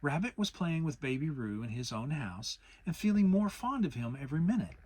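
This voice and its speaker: A man giving a dramatic reading of a children's storybook, expressive, with big jumps into character voices. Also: fairly high pitch, fairly quick, slightly rough, no room sound. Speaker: audiobook narrator.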